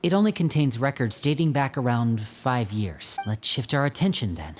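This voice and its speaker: A man voicing an earnest, composed teenage boy in a game, explaining things in a measured way. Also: medium pitch, animated, a little hiss or hum, close to an everyday voice. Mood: sober, measured. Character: earnest, composed teenage boy, calm leader among orphans. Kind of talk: scripted game dialogue.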